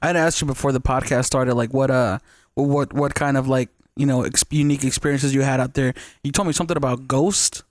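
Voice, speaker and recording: Fast-talking young male podcast host. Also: mid-range voice, steady tone, no room sound, clean studio sound. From born in Los Angeles, raised in Baja California. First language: Spanish. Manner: joking, teasing. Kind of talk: casual podcast chat.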